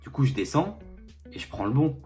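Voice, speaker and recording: A man's voice: medium pitch, very animated, brisk, mellow, soft background music. A young man from France telling a story and showing a clothing haul, crude and joking, filming himself on a phone indoors. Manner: crude, joking, rambling with fillers. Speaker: vlogger. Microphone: phone camera.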